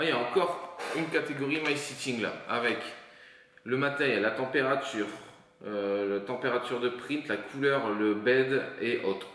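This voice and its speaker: A man's voice: mid-range voice, a bit bright. A man casually reviewing products on camera, thinking aloud with many fillers. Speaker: 3D printing YouTuber. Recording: very echoey room, faint noise.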